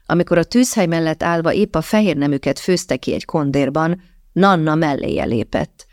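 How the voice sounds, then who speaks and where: A woman narrating a novel in a measured, expressive reading. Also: low voice, no echo, studio quality. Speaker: audiobook narrator. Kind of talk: scripted narration.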